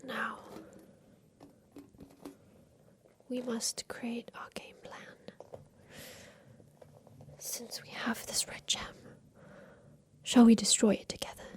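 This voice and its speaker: A woman with a slightly high voice plays a secretive, tender captive girl in a haunted attic. Her ASMR roleplay whisper is hushed and deliberate, repeating phrases in a mood of secretive plotting.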